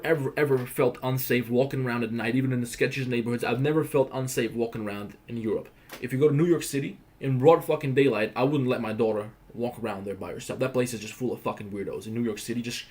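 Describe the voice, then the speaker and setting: Young male livestream host from Croatia, mid-range voice, blunt and profane, animated storyteller. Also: mid-range voice. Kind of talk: casual livestream rant.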